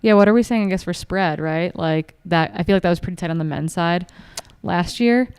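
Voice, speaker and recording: A woman co-hosting a casual chat show, talking quickly and with enthusiasm, often saying "like". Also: on the low side, clean tone, no echo. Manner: quick, animated and enthusiastic, piling on "like". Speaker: podcast co-host and race commentator.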